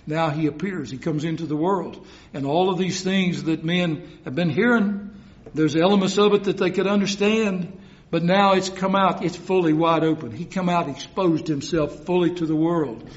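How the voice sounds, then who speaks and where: A man's voice: a little high, darkish tone. A man preaching a sermon in an earnest way, repeating phrases for emphasis. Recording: dull lo-fi recording.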